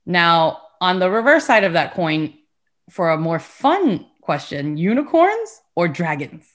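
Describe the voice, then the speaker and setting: Her pitch is fairly low, her delivery sing-song and unhurried, with a slightly bright tone. She's a young woman from the United States co-hosting a podcast, chatty and giggly, often laughing during a casual chat with a friend.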